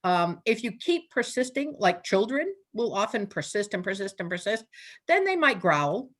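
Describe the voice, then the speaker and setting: A woman's voice: medium pitch, sing-song, normal speed, a bit bright. An older woman, a guest animal communicator chatting in an interview, telling stories and laughing often. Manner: chatty storyteller, laughs often, plays out her animals' thoughts. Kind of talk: casual interview chat.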